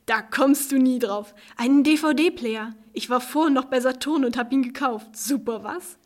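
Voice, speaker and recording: Jovial storybook man, upbeat and friendly, raised pitch, louder than narration, as a woman reads him. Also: normal speed, close to an everyday voice. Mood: cheerful. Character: cheerful, easygoing friendly man.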